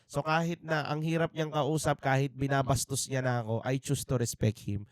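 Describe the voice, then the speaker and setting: Earnest Filipino man, smooth clear voice. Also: medium pitch, level tone, moderate pace, no room sound, clean studio sound. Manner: earnest, reflective, with frequent restarts and fillers. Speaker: podcast co-host. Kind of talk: candid faith testimony, mixing Tagalog and English. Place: indoor podcast studio.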